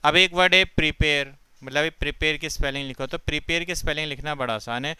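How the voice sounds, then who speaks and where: Casting note: man, Hindi accent, phonics teacher, unhurried and patient, bright crisp tone, dry close sound. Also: a little high, no echo. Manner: slow, patient, sounds out letters one by one. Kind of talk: spelling lesson explained step by step.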